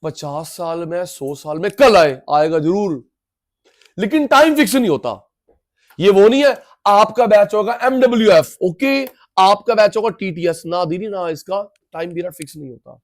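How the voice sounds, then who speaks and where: High-pitched male teacher, lecture style, repetitive drilling, playful asides to students. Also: animated, moderate pace. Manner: drills terms by repetition, addresses students directly; playful, mixes in jokes and skits. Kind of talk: classroom lecture.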